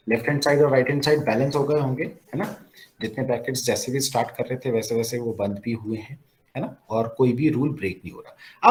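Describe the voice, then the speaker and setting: Animated male logic teacher. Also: mid-range voice, low-quality recording. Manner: lively, asks questions and answers them himself, mixes in English phrases. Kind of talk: classroom lecture on a recorded screen.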